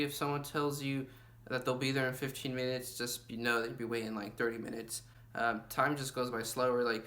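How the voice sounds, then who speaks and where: A young man talks straight to camera with travel tips. His voice is bright and forward, and he chats loosely, filling his sentences with "you know" and "like" as he goes. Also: mid-range voice. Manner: chatty, lots of fillers like "you know" and "like". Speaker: travel vlogger.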